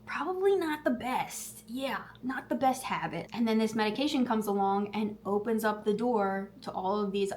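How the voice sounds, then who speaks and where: A woman chatting straight to her viewers in a casual health vlog. Her voice sits at an ordinary middle pitch, and she talks in a loose, friendly flow full of "like" and quick asides. She laughs at herself now and then. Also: a little hiss or hum. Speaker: health vlogger. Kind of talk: casual vlog chat to camera.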